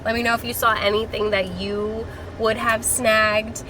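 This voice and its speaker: A woman's voice: a little high, little pitch movement, measured pace. A woman hosting a casual plant-shopping vlog, talking in a chatty, informal, slangy way. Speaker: vlog host. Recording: background music, fan or vehicle hum.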